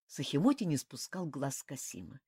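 Expressive woman narrating a fantasy audiobook. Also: sits low, brisk, breathy edge.

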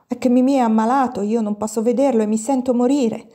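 A woman's voice: mid-range voice, moderate pace, warm tone, lightly acted. A woman reading a lovesick, melancholy schoolgirl. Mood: sad, lovesick. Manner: sad and dreamy. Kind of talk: audiobook reading.

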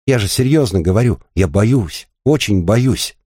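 A man's voice: on the low side, animated, a little slow, warm tone, no room sound, clean studio sound, pitched above the performer's own voice. A man voicing a frightened young female courier who pleads tensely, lifted above his own voice. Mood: pleading.

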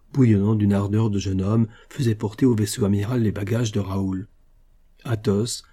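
A man narrating a classic novel as an audiobook in a calm, measured way. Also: fairly low pitch.

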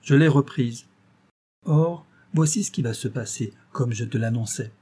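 A man's voice: medium pitch, measured pace, mellow, slightly rough. A man voicing a gloating, cruel master criminal in an audiobook, taunting and menacing. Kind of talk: audiobook reading.

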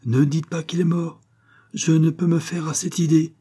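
A man's voice: medium pitch, moderate pace, dark tone, husky, natural voice. A man reading a storybook and voicing a grief-stricken woman of about fifty, pleading in an anguished, strained voice.

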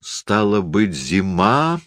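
A man voicing a sly, stern shop clerk who talks in a folksy, gruffly knowing way. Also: fairly low pitch, big pitch swings, slow, fairly bright tone, no room sound, studio quality, exaggerated voice.

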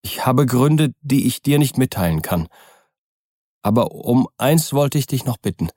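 A man's voice: lively intonation, a little slow, darkish tone, no echo, clean studio sound. A man reading an audiobook, voicing a frightened, nervous middle-aged doctor in an agitated, pleading tone. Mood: nervous earnest. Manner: agitated, pleading, higher-pitched.

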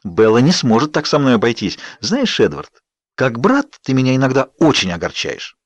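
A man's voice: medium pitch, very animated, moderate pace, dry recording, lo-fi sound. A man voicing a pleading, bubbly young woman friend in an audiobook, coaxing and wheedling. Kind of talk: audiobook character voice.

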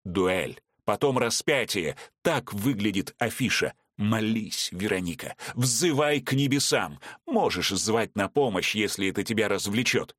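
A man's voice: lively intonation, measured pace, hardly any pauses, dry recording, clean studio sound. A man doing a ranting, gloating villain. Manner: ranting, gloating, swings from low menace to shouting. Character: raging vengeful male villain, cruel and mocking. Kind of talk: audiobook character reading.

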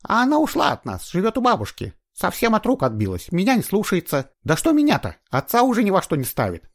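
Man putting on a hoarse, shrill quarrelsome woman. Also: wildly swooping pitch, fast, full character voice. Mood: shrill, scornful. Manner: shrill and scornful, snapping back. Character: hoarse, worn-out woman under forty, quarrelsome and rude.

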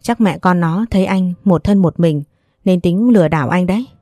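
A scheming middle-aged sister-in-law with a wheedling, complaining way of talking, as a woman storyteller puts her on. Low, mellow voice, dry close sound. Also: moderate pace, no echo.

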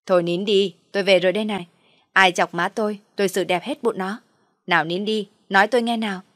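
A snappy, scornful young wife, spoiled and quick with a barb, as a woman reads her aloud. The delivery is dry and close, with no room around it, and sits at an ordinary pitch for a woman. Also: steady tone, a bit bright, no echo, natural voice. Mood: coaxing. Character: sharp-tongued spoiled pregnant young wife.

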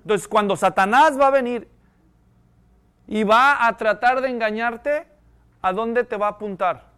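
A man's voice: very high-pitched, unhurried, sharp tone, clean tone. A man preaching a sermon as pastor, asking the congregation one rhetorical question after another.

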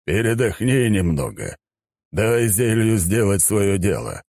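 A man's voice: fairly low pitch, sing-song, measured pace, a little mellow, no echo. A man narrating an audiobook and voicing a stern, powerful male combat instructor who gives curt, barked orders. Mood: commanding. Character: stern, mighty male combat instructor, calm but commanding.

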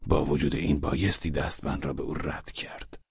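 Narrator as irritable tired gentleman, low mutter, husky, dull lo-fi recording. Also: dry recording, exaggerated voice. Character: irritable, weary gentleman, quiet and sullen.

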